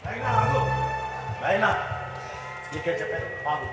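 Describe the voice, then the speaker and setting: A man's voice: sits high, expressive, a little slow. A man playing an honest, exasperated husband in a stage play, scolding and agitated. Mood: angry. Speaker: stage actor. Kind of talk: stage drama acting. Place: stage in a hall. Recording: echoey hall recording with music.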